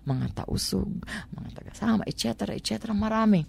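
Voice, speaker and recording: A woman's voice: medium pitch, animated, a little fast, creaky, darkish tone, husky. A woman with a Manila Tagalog accent explains conversationally on a talk program, posing rhetorical questions and switching between Tagalog and English. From Manila, Philippines.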